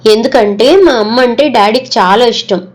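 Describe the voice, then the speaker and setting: A woman's voice: a little high, normal speed, lightly acted. Woman voicing a grieving young schoolgirl. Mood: earnest. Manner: earnest, plaintive. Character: young schoolgirl grieving her late mother.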